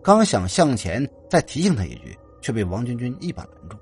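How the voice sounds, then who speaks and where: A man narrating a story in an expressive, animated reading style. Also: medium pitch, fairly quick, soft background music. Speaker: audiobook narrator.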